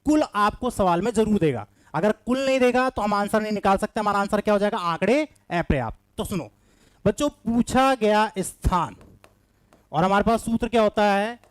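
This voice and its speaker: Male teacher, high voice, smooth and clear, coaxing, repeats himself, live class. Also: quick pace, hardly any pauses, no echo. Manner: coaxing, repetitive, reads out students' answers by name. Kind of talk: live online maths reasoning class.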